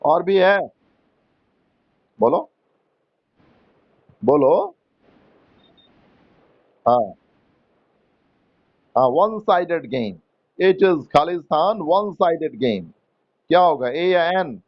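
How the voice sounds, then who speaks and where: A man with an Indian accent teaching English grammar in a classroom, slowly coaxing students to answer and explaining rules in Hindi mixed with English terms. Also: fairly high pitch, lively intonation, dull audio. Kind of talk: classroom lesson.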